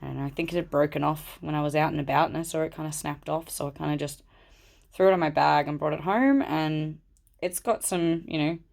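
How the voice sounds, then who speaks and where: This plant vlogger has a low, fairly quick voice with vocal fry, a fairly even intonation, and a slightly mellow quality, though it's stuffy and snuffly from a cold. Indoors at home, she rambles in casual chat while handling her plants, recording on her phone camera.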